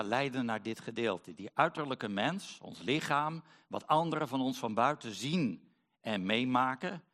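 A middle-aged man preaching a sermon, pausing often with fillers as he searches for words. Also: on the low side, a bit bright. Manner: hesitant, many pauses and fillers.

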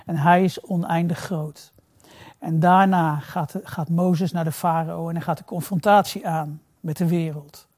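A man preaching a sermon in a reflective way. He repeats phrases for emphasis and drops to a soft, low voice on key words. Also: steady tone, a little slow, no echo, clean studio sound.

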